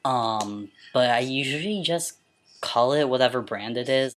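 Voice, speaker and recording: An amateur vlogger with a mid-pitched, androgynous voice, speaking casually and stumbling now and then over words. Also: a bit bright. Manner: halting, stumbles over words and repeats them when reading. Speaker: amateur video blogger. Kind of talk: casual question-and-answer vlog with some read-aloud passages.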